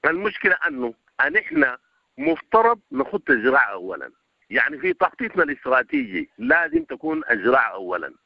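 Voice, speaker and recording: A man's voice: a little high, huge pitch swings, fast, vocal fry, dry recording, dull audio. A man with a Sudanese Arabic accent, an agricultural expert answering radio interview questions at length.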